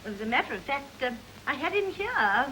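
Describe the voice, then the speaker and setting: A high, swooping English woman's voice an affected titled lady in stagey 1930s movie style. She coos genteelly, with light hiss from an early talkie soundtrack. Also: big pitch swings, moderate pace. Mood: coy. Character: affected titled society lady, smooth matchmaker.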